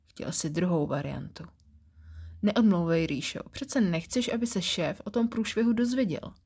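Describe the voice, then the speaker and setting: A woman's voice: fairly low pitch, darkish tone, breathy edge. Woman voicing a strict female boss. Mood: commanding. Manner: stern, clipped orders.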